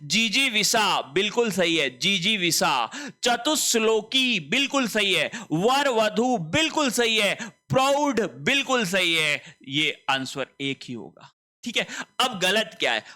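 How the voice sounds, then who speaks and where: High-voiced, bright Hindi teacher. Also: male voice, animated, slow pace. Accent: Rajasthani. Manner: explains step by step with rhetorical questions. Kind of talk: exam-prep spelling lesson.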